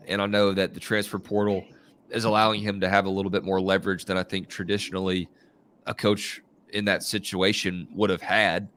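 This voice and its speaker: A man with a congested, nasal baritone that sounds like his nose is pinched, hosting live college football talk in a conversational, think-aloud way. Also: a bit bright. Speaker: host of a live college football recruiting show. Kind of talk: live sports talk and commentary.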